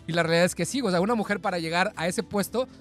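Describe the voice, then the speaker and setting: A man's voice: high voice, faint music behind. A man with a Mexican Spanish accent hosting a podcast, joking and teasing in slangy casual chat. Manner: joking, slangy, quick to tease. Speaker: podcast host. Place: podcast studio with camera crew.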